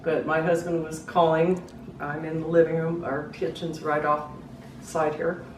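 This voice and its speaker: A middle-aged woman speaks in an earnest, halting way, telling her story as a grieving mother. Her voice sits somewhat low and sounds roomy, as if caught from across the room. A faint hiss runs underneath. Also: level tone. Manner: earnest, halting, voice rising and breaking when distressed. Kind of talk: emotional personal testimony. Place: living room at home. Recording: roomy, distant mic, faint background hiss.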